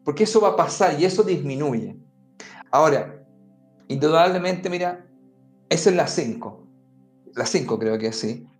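Pitched fairly high, his delivery is lively in intonation, moves at a normal speed, and pauses often. Speaking straight to the listener on a podcast, he explains advice in a conversational way, frequently using "mira" and "amigo." There's a roomy echo and some faint music in the background.

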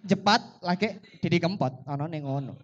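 Javanese guy mc'ing a coffee shop gig, jokey and teasing, kinda high voice, muffled recording. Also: moderate pace. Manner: teasing, mixes formal announcements with banter. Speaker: event MC. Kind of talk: joking live event banter. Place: coffee shop live music event.

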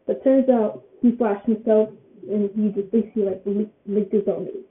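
A woman's voice: medium pitch, steady tone, moderate pace. An eighteen-year-old woman giving her opinion in a casual vlog, rambling and often repeating her phrases. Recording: tinny phone-like sound.

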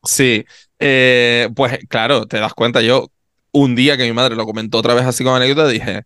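Man, podcast co-host, casual expressive chat, dry close mic. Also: mid-range voice, normal speed, clean tone, no room sound. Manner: expressive, many fillers and tag questions.

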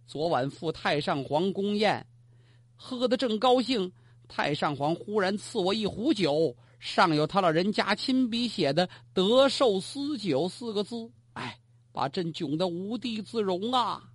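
A man's voice: sits high, animated, unhurried, no echo. A man voicing a nervous, apologetic emperor who is a dutiful son, in a storytelling performance. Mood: flustered. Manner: flustered, apologetic. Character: anxious young male emperor, dutiful son.

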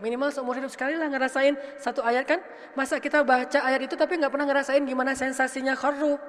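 Chatty woman preaching in an echoey hall. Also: sits high. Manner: chatty, asks the audience questions. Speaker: religious teacher. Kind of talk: casual, humorous sermon.

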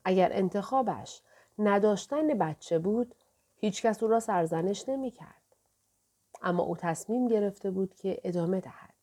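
Woman, audiobook narration, calm and measured, mellow warm tone. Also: mid-range voice. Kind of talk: scripted narration.

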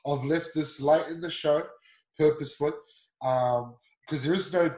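A man's voice: on the high side, a little slow, a little mellow, reverberant, poor audio. A man hosting a sports talk show, blunt and swearing freely as he rants. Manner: blunt, swearing, heated ranting.

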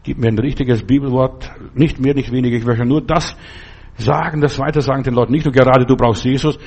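A male preacher delivers a sermon with a slightly husky, breathy voice at a middle pitch. He speaks emphatically and turns often to the listener with direct questions and exhortations. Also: steady tone, fairly quick, a little mellow.

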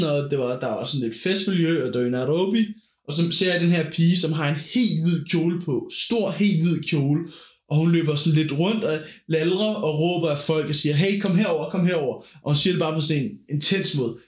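A man's voice: on the high side, reverberant. A man hosting a podcast, telling a long, rambling story in casual chat and often searching for words. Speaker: podcast host.

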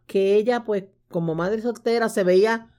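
A woman with a mid-pitched voice co-hosts a casual film review chat. She agrees readily and adds short remarks to keep the talk moving. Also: moderate pace, dark tone. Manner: agreeable, chimes in with short affirmations. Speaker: podcast co-host.

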